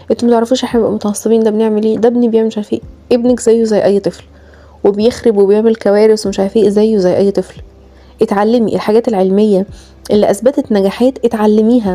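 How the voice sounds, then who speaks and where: A woman's voice: on the high side, warm tone. A woman with an Egyptian Arabic accent, a mother coaching other mothers on parenting, earnest and addressing the viewer directly. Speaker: mother giving parenting advice. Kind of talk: direct-to-camera advice talk.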